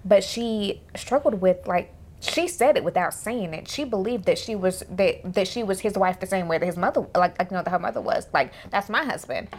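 Animated woman retelling a movie. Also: medium pitch, brisk. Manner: animated storyteller, acts out characters' lines. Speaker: co-host. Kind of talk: casual reaction chat.

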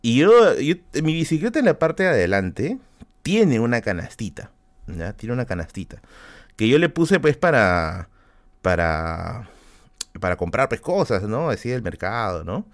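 A man's voice: mid-range voice, sing-song, unhurried. A man with a Peruvian accent from Lima, telling a casual anecdote on a live stream, slangy and full of fillers and swearing. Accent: Peruvian Spanish, Lima.

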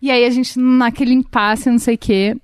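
A Brazilian woman in her thirties, her voice slightly high, rambles through a long personal story in casual chat, full of fillers and restarts. Her delivery is smooth, a little fast, and fairly even in intonation. The recording is dry and close, with no echo or sense of a room.

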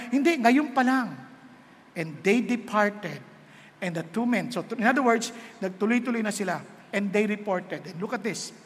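High, bright-voiced preacher in a hall. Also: male voice. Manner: animated, rising to shouts, slows when reading scripture. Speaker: pastor. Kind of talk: sermon. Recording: long hall reverb.

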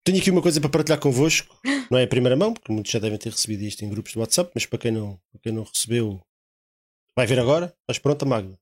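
A man's voice: medium pitch, lively intonation, racing. A man hosting a live talk show, chatty, with many restarts. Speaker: host.

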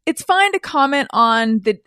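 A woman's voice: high voice, a little slow, no room sound, studio quality. A woman hosting a casual comedy chat, telling stories with lots of acted-out quotes and laughter. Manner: animated storyteller, acts out quotes, laughs often. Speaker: podcast host.

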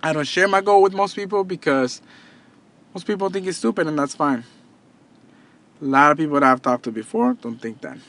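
Expressive and fairly quick, yet given to long pauses, this man's high, slightly bright voice carries an earnest, casual motivational talk. He's a thirty-year-old entrepreneur and podcaster who restarts and repeats himself a lot.

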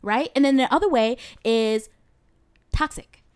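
Woman, casual podcast chat, animated storyteller, slightly high voice. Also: measured pace, clean tone. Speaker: podcast co-host.

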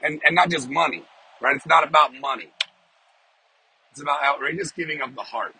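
A man hosting a podcast delivers an improvised devotional sermon and prayer from inside a parked small car. His smoker's voice is on the high side and sharp, broken by occasional coughs, and he halts and repeats phrases to stress them. Slight background noise marks the low-quality recording.

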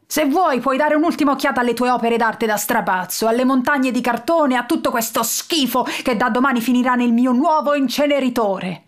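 A woman plays a fat, pompous bully of a lord, all bluster and shouted threats, pitched up high over a clear storybook voice. he barks his orders and sneers at everyone. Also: a little fast, few pauses, lightly acted. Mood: gloating. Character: big pompous bullying villain lord, male.

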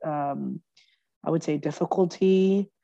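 A woman from Egypt, a lawyer and comedian, chatting as a podcast guest, animated and joking with lots of fillers. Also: sits low, slow, no echo, muffled recording. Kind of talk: casual conversational interview.

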